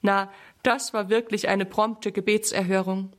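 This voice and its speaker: Woman reading as a calm, pious mother, kindly tone, storybook. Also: mid-range voice, a little slow, natural voice. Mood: gentle.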